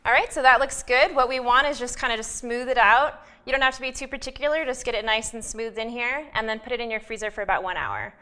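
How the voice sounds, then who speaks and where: A woman's voice: on the high side, fast, hardly any pauses, bright, forceful tone. A young adult woman giving a friendly cooking demonstration as a guest nutrition specialist, explaining steps with many fillers.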